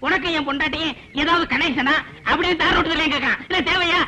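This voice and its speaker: An actor playing a scheming, loudmouthed comic village henchman who scolds and brags, in a dull lo-fi film soundtrack. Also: very high voice, fast talker, exaggerated voice. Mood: complaining. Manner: brash, scolding.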